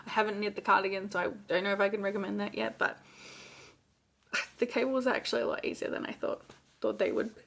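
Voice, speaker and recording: An Australian woman talks through her plans in a relaxed, chatty knitting vlog. She rambles a bit, with plenty of ums, likes and restarts, at a mid-range pitch. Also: gravelly. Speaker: knitting vlogger. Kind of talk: casual chat.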